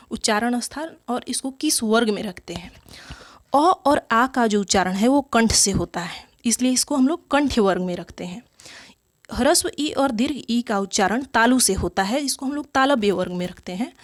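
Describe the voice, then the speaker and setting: A woman teaching an exam-prep grammar lesson, explaining step by step, repeating key terms and answering her own questions. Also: fairly high pitch. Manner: asks the class questions and answers them herself.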